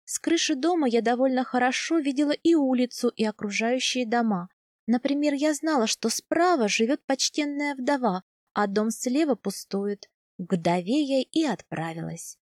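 A woman calmly narrating a first-person audiobook in an even storytelling manner. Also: high-pitched, normal speed, no echo, clean studio sound.

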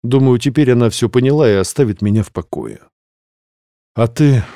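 A man playing a hoarse, stern demon rector. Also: medium pitch, normal speed, mellow, dry recording, studio quality, natural voice. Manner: curt, commanding.

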